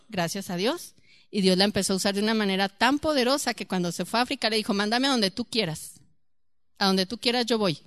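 In studio-quality audio free of room sound, a woman at medium pitch leads a Bible study, narrating a story. She's animated, peppering the congregation with rhetorical questions.

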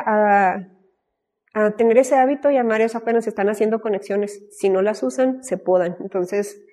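A woman's voice: medium pitch, warm tone. A woman with a Mexican accent teaching about Bible study in a chatty, storytelling way, with frequent fillers. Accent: Mexican Spanish. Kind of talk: casual teaching talk with anecdotes.

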